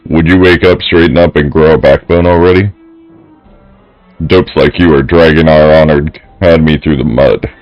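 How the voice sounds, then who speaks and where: A man's voice: rumbling low, steady tone, moderate pace, lo-fi sound, soft background music. A man voicing a swaggering young male bully who taunts a classmate in a video game. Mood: taunting.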